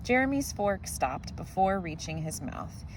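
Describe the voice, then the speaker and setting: A woman reading a children's picture book aloud in a gentle, expressive way. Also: medium pitch, unhurried, background noise. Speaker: storybook reader.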